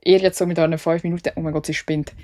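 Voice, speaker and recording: A woman's voice: low-pitched, flat delivery, fast, dark tone, no room sound, clean studio sound. A young woman from Switzerland with a Swiss German accent, chatting casually as the host of her solo podcast, self-mocking and full of English slang.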